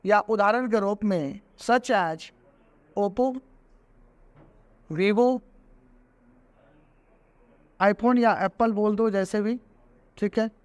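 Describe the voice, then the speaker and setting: A man's voice: sits high, drawn-out words, long pauses, no room sound. A man teaching a grammar lesson. He repeats each example word by word and often checks whether the class has understood. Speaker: English teacher.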